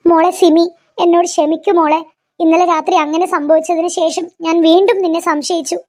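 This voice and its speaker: A woman's voice: extremely high pitch, flat delivery, brisk, a little mellow. A woman voicing an anxious middle-aged mother-in-law who calls out in an alarmed, raised voice. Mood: tender.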